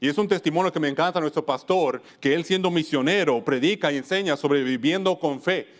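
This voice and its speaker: Earnest higher-voiced man preaching a sermon. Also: a little fast. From United States (Wisconsin). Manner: earnest, often restarts and corrects himself mid-phrase. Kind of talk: church sermon.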